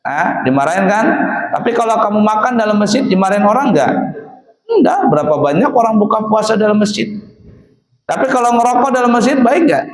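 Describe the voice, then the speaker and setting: Lively man teaching in an echoey hall. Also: high voice, brisk. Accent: Indonesian. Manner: lively, asks the students questions and answers them himself. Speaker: pesantren teacher. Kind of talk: casual religious lesson to students. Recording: echoey hall with a crowd of students.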